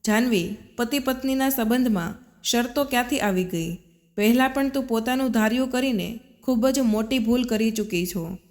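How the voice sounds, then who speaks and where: A woman's voice: fairly high pitch, normal speed, a little mellow, lightly acted. A woman voicing a young husband who pleads with and reproaches his wife, in a storybook reading. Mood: reproachful. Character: young husband, earnest then hurt and angry. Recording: long reverb.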